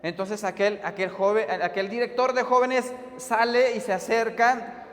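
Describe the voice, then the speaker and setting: A man's voice: high-pitched, flat delivery, unhurried, a bit bright. A Mexican man preaching a sermon, telling a story and acting out the voices of the people in it. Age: adult, father of a daughter. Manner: retells a story, acting out the quoted speech. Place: church hall. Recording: reverberant church hall.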